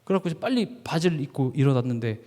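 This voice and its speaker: A man preaching a sermon, swinging between loud emphasis and hushed asides and acting out little stories. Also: fairly high pitch, lively intonation, racing, in a large hall. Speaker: pastor. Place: church sanctuary.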